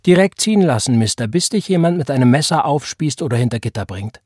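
A man voicing a stern, weary mother who sharply defends her husband, with a husky voice, in an audiobook reading. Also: medium pitch, sing-song, fairly quick, no echo, clean studio sound. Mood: cutting. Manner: scolding, sharp, rising heat.

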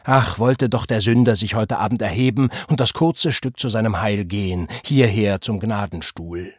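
A man voicing a fervent young male revival preacher, crying out with rising calls and drawn-out stresses. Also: fairly low pitch, breathy edge, no echo, studio quality. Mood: solemn. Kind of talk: impassioned sermon.

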